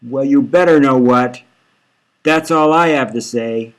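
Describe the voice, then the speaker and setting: A man's voice: close to an everyday voice, rough recording. A man voicing a hysterical tearful young woman. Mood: upset, snappish. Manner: shrill and defensive, quick retorts. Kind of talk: audiobook character voice.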